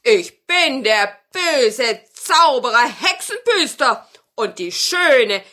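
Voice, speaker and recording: A woman reading a wicked storybook wizard who bellows his demands slowly and loudly. Her voice stays bright, with a boastful, threatening drawl. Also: very animated, full character voice. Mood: blustering. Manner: booming, slow and threatening. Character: evil male wizard, blustering and boastful.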